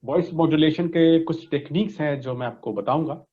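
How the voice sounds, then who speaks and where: A voice modulation coach with an Indian accent is interviewed, speaking a little fast in a voice on the high side. He mixes Hindi and English as he teaches, often pausing to check with "right?" and "okay?", in a recording that's dull and lo-fi.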